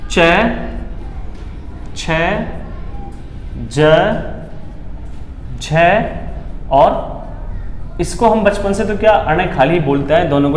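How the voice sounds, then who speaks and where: A man's voice: high-pitched, a little hiss or hum. A male teacher giving an exam-prep lesson, asking the class questions, answering them himself and repeating key words. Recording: echoey room with long reverb.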